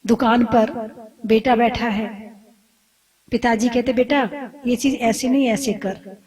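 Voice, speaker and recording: A woman's voice: on the high side, steady tone, slow pace, darkish tone, slightly rough. A Jain nun giving a sermon in a conversational way, asking her listeners questions and acting out scolding family members. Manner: conversational, asks the audience questions.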